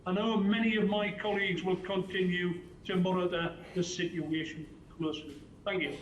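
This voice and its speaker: A man's voice: high voice, level tone, normal speed, highs cut off, slight background noise. A man giving a formal parliamentary speech as a member of parliament, earnest, with occasional stumbles. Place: parliamentary debating chamber.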